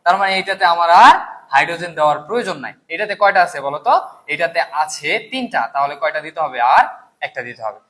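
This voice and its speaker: A man's voice: on the high side, animated, fairly quick, bright, forceful tone. A male chemistry teacher giving a recorded lecture, asking a question and then answering it himself while he counts aloud.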